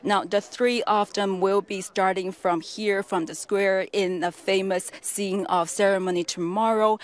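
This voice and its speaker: A woman field reporter delivering a steady, explanatory television news report. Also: medium pitch.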